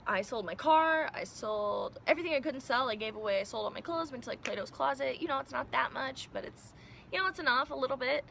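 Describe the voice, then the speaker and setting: Lively laughing young woman vlogger. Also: high-pitched, fast, gravelly, slight background noise. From Iowa, US. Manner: animated, laughing, acts out quoted voices, swears casually. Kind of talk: casual storytelling to camera.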